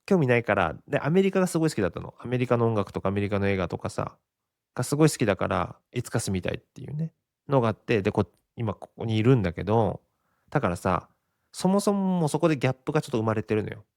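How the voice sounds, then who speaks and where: A man's voice: medium pitch, very animated, rapid-fire, vocal fry, darkish tone, dry recording, studio quality. A Japanese man in his forties hosting a casual solo podcast, rambling and chuckling often at his own expense. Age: 40s. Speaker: podcast host.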